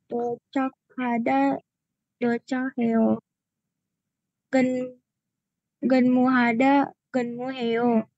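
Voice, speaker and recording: A woman student reading Korean practice words aloud in a slow drill. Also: a little high, little pitch movement, darkish tone, no echo. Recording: dull lo-fi dry sound.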